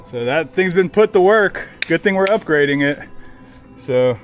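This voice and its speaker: A young man chatting casually while working on a car in his garage, excited and swearing often. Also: on the high side, a little slow, dull audio, faint music behind. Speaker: car builder vlogger.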